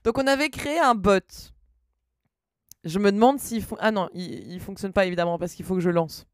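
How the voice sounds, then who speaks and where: A woman's voice: mid-range voice, normal speed, no echo, studio quality. A woman streaming live, chatting casually and reading her chat aloud, laughing often.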